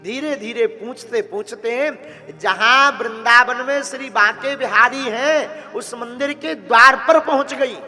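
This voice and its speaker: Man with telling a holy story, slow and high, echoey hall, soft music under. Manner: slow, devotional, emotive narration. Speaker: religious storyteller. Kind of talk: devotional story sermon.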